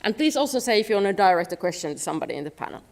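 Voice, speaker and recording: A woman's voice: mid-range voice, very animated, rapid-fire, a little mellow. A woman moderating a panel Q&A at a business forum before a live audience, upbeat and encouraging. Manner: upbeat, encouraging, inviting questions. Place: conference hall with live audience.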